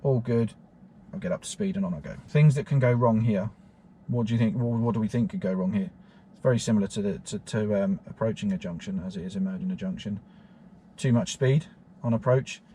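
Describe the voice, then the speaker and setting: Male driving instructor, low and mellow, patient repetitive explainer with fillers, in a car. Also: brisk, a little hiss or hum. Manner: steady, repetitive teaching with frequent fillers. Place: inside a car on a road.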